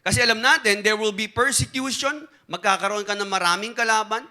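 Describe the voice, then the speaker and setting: A man with a Filipino accent preaching a sermon, telling a joke in an animated storytelling way and mixing Tagalog and English. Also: high-pitched, fairly quick. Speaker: pastor.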